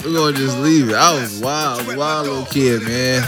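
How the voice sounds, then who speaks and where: A man's voice: medium pitch, moderate pace. A man co-hosting casual banter, cocky and teasing, with lots of swearing and repeated phrases. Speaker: podcast co-host. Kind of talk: casual banter about hip hop. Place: at a home. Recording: very loud hip hop music behind.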